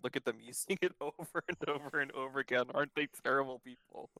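A man's voice: mid-range voice, quick pace, bright, forceful tone, low-quality recording. A man chatting about a film on a podcast, hesitant and self-deprecating. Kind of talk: casual film discussion.

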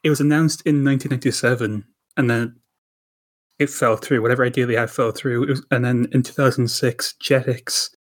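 A man's voice: medium pitch, fairly even intonation, fairly quick. A man co-hosting a podcast in casual chat, rambling with frequent fillers and restarts. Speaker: podcast co-host.

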